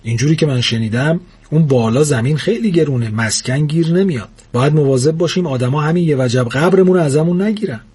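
A man's voice: on the high side, animated, a little mellow, breathy edge. A man doing a bossy, lecturing thin ghost. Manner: scolding, lecturing.

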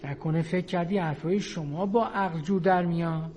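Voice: medium pitch, darkish tone, dull audio, a little hiss or hum, close to an everyday voice. A performer playing a stubborn young boy in an audio drama, protesting and pleading with cheeky backtalk. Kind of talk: audio drama character acting.

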